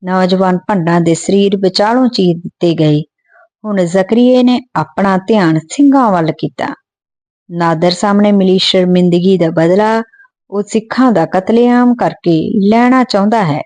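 A woman reading a history book aloud as a narrator, in a steady, earnest manner. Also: medium pitch, unhurried, dry recording. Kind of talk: storybook narration.

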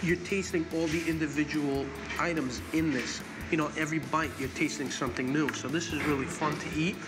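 A man's voice: fairly high pitch, fairly even intonation, fairly quick. A man in his forties hosting a restaurant makeover show, narrating and chatting in a direct, upbeat way. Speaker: restaurant consultant and show host. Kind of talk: reality TV narration and casual chat. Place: small bright café dining room. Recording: music bed under the talk.

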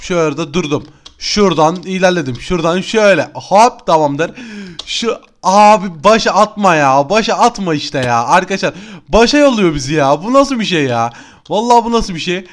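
A young man with a high, bright voice narrates his Minecraft game for his channel. He is excitable and easily exasperated, and he keeps turning to his viewers like friends. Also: normal speed. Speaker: gaming YouTuber. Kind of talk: Minecraft let's-play commentary.

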